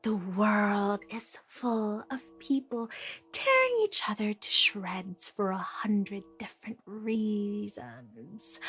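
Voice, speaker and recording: A woman's voice: medium pitch, slightly rough, exaggerated voice. A woman playing a deranged, playful and menacing female villain in an ASMR audio roleplay, taunting and theatrical as the delivery moves between whispers and outbursts. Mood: bitter, taunting.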